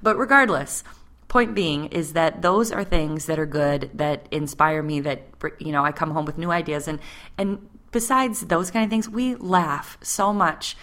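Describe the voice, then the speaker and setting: A woman in her late thirties co-hosts a podcast, chatting casually and using lots of fillers. Her voice sits low and sounds a bit bright, at a measured pace.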